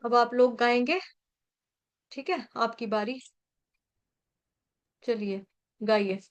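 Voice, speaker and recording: A woman teaching a devotional pronunciation lesson, chanting verse lines slowly and repeating words syllable by syllable to drill them. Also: fairly high pitch, lo-fi sound. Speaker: scripture recitation teacher.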